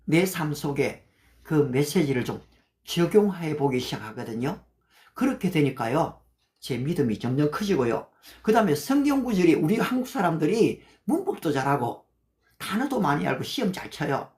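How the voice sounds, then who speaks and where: A woman pastor from Gyeongsang giving a livestreamed sermon, answering viewer comments and reciting English Bible verses slowly and carefully between conversational, encouraging remarks. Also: deep voice, very animated, a little mellow. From Gyeongsang, Korea. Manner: conversational and encouraging, often addressing listeners directly.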